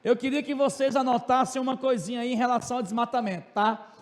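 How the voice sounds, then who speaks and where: A man with a Tocantins Brazilian accent gives a joking classroom lecture in a very high voice. He talks loud and fast and keeps throwing asides at his students. The sound carries a long classroom reverb. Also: fairly even intonation. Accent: Brazilian Portuguese, Tocantins region. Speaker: teacher.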